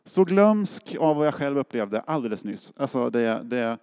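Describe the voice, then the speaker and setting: With a warm, mid-range voice, a middle-aged man from Sweden delivers a sermon as a pastor. He tells it casually like a story and acts out the quotes, all under long hall reverb.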